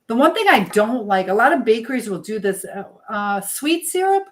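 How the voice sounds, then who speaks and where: On a livestream, a woman bakes in her home kitchen and chats casually, rambling and thinking out loud. Her voice is fairly high and very animated, at a normal speed. The recording has noticeable background noise and clicks.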